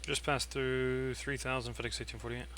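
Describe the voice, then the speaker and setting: A man flying a simulated airliner, reading back clearances and calling out takeoff steps in clipped pilot phrasing into a headset mic. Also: mid-range voice, level tone, moderate pace, background noise. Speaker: flight sim streamer flying as pilot. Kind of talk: pilot radio readbacks and cockpit callouts.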